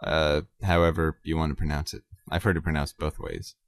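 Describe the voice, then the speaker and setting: A man hosting his own podcast, talking casually and haltingly about composing, with many ums and self-corrections. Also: very deep voice, flat delivery, no room sound, clean studio sound. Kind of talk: casual solo talk about his music.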